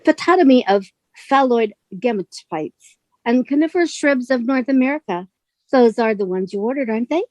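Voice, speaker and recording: A woman playing a mellow, lonely bookshop lady. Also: a little high, fairly quick, no echo, close to an everyday voice. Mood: shy, flattering. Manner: soft-spoken, earnest, flattering. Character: gentle, lonely bookshop lady, shyly admiring and wistful. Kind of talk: radio suspense drama acting.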